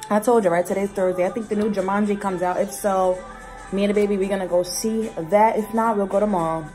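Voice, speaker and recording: A woman's voice: mid-range voice, steady tone, fast talker, dark tone, soft background music. Young woman vlogger, mid-range voice, slangy off-the-cuff chat between bites, recorded on a phone at home. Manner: chatty and slangy, talking while eating. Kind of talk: casual mukbang vlog chat. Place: small room at home. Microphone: phone at arm's length.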